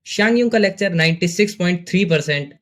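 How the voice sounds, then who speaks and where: Fairly high-voiced male anime recap narrator. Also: quick pace. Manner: steady storytelling, repeated linking phrases. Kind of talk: scripted narration.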